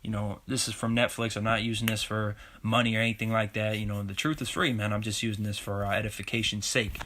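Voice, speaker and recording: A man's voice: on the low side, little pitch movement, quick pace, sharp tone, a little hiss or hum. A man giving bible commentary on a video blog, reading scripture aloud emphatically and often checking in with "okay?". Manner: keeps asking "okay?" and says "man". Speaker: religious video blogger.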